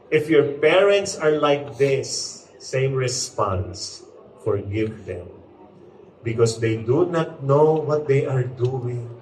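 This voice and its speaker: A man's voice: fairly high pitch, roomy sound, distant mic, poor audio. A man in his forties giving a humorous, inspirational stage talk as a motivational speaker and author. He acts out quotes and moves between jokes and earnest appeals. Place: large hall before a live audience.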